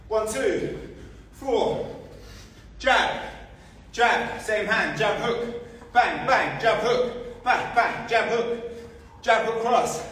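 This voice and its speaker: A man's voice: sits high, a bit bright. A man coaching a boxing workout, calling out punch combinations and counts in clipped, commanding cues. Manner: clipped, commanding short cues while demonstrating exercise. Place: large indoor boxing gym. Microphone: camera several metres away. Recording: echoey gym, distant mic, faint noise.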